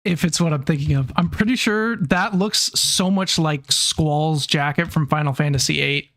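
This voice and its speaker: A man co-hosting a podcast in casual chat, easygoing and quick to agree. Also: a little high, a bit bright, dry recording. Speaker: podcast co-host.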